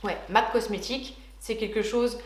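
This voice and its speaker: A woman's voice: a little high, steady tone, normal speed, echoey room. A woman beauty vlogger chatting casually and enthusiastically through a product unboxing, with frequent hesitations.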